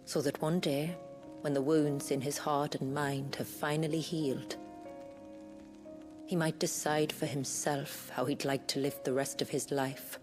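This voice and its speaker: Female game chieftain, deep-toned, solemn, deliberate, protective, long echo, faint music. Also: little pitch movement. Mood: solemn, tender. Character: proud, protective female warrior chief, calm and steadfast. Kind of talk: dramatic video game acting. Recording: long reverb, music behind.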